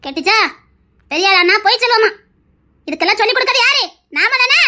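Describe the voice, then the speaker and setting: Stern grandmother figure played by a woman, Tirunelveli Tamil accent, very high, bright voice, quick lecturing delivery, family skit. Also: animated, full character voice. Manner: scolding, lecturing the youngsters. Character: stern wise old grandmother, family elder.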